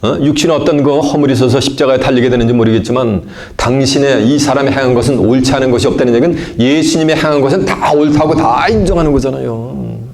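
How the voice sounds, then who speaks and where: A man preaching a sermon. He keeps asking his listeners questions and answers them himself, and he moves between loud emphatic lines and low asides. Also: fast, gravelly, few pauses. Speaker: pastor.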